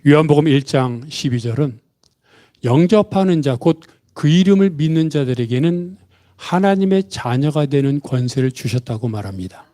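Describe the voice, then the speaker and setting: Male pastor, high-pitched, lively sermon, voices the characters he quotes. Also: moderate pace. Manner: asks the congregation questions and has them repeat after him; acts out the father's and son's words in quotes. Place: church.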